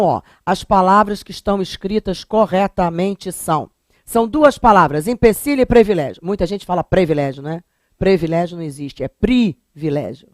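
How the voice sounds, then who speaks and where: A woman's voice: lowish voice, no room sound. Carioca lady teaching portuguese, chatty, stretches words out to show them, dry close sound. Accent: Carioca Brazilian Portuguese. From Rio de Janeiro, Brazil. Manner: lively, talks straight to students, drawls words out to show pronunciation. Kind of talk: recorded exam-prep lesson.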